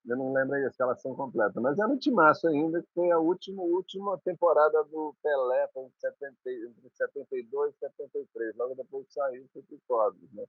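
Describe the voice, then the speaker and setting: Here a man from Maranhão, Brazil, a guest musician, rambles through memories with frequent restarts in a storytelling chat. He talks fairly quickly at a medium pitch, barely pausing, over a phone-like line without echo.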